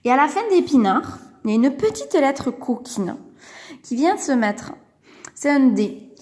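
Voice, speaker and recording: A woman speaks slowly and patiently, guiding young children through a writing lesson. Her singsong delivery stretches each sound so small ears can follow. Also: high-pitched, big pitch swings, darkish tone. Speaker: kindergarten teacher.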